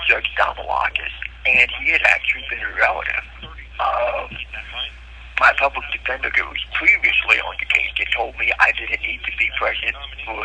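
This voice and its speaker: A man calling over a prison phone line, recounting his court troubles earnestly and haltingly, with frequent ums and restarts. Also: mid-range voice, bright, forceful tone, slight background noise. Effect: heard over a prison phone line.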